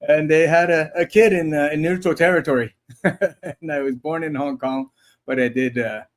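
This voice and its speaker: A man's voice: fairly high pitch, steady tone, moderate pace. A man in his forties from Taiwan, co-hosting a casual livestream chat, talking in a chatty, self-deprecating way with frequent restarts. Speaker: podcast co-host.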